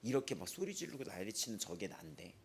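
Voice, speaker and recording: A man's voice: on the low side, big pitch swings, fast talker, gravelly, a little hiss or hum. Pastor guy preaching at dawn service, talks like a chat, voice goes up and down a lot, keeps asking the room questions. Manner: chatty, asks the congregation frequent rhetorical questions; retells stories with repetitive, emphatic phrasing. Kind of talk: conversational sermon at a dawn prayer service.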